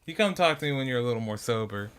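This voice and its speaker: A man's voice: mid-range voice, animated, racing, fairly bright tone. A man co-hosting a podcast, casually telling a story in a laid-back way with dry asides. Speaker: podcast co-host. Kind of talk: casual chat.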